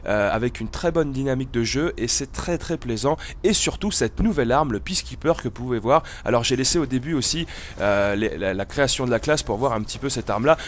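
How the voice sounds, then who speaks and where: A man with a cold hosts a gaming video, rambling through casual, halting gameplay commentary. His medium-pitched delivery is brisk with lively intonation, and there's a bit of background noise.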